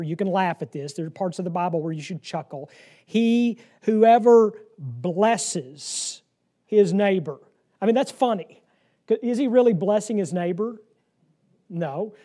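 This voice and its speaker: A man leading a Bible study class in a room, lively and joking, often laughing as he explains proverbs. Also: high-pitched, normal speed, breathy edge. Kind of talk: interactive Bible lesson.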